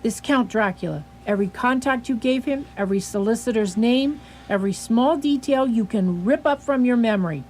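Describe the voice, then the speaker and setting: A woman playing a brisk, authoritative asylum doctor in a radio drama, resolute and emphatic. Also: a little high, darkish tone, slight background noise, natural voice. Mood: commanding.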